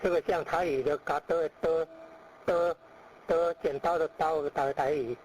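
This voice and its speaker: A man's voice: fairly high pitch, steady tone, measured pace, a little mellow, slight background noise, rough recording. A man teaching pronunciation. He explains each sound by comparing it to everyday words and repeats it several times. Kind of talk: pronunciation lesson.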